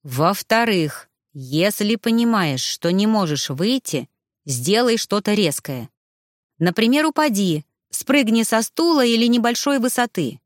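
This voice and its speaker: Woman voicing stern ghost man, slow and preachy, audiobook. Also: mid-range voice, big pitch swings, no echo, studio quality. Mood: stern, instructive. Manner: slow, drawn-out, instructive. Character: stern fussy male ghost medium, older relative.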